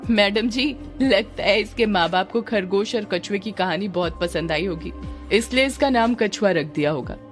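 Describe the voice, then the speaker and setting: Storybook: a woman playing a teasing police helper, medium pitch, music low behind. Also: moderate pace, close to an everyday voice. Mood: mocking. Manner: mocking, jokey. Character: mocking male police assistant.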